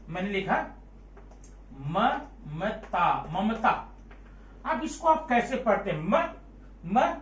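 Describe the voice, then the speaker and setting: A man's voice: sits high, a bit bright. A man teaching a Hindi grammar lesson, repeating each point and quizzing his students, with numbers counted in English. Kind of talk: classroom lesson explaining Hindi verse meter. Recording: echoey room, voice from a distance.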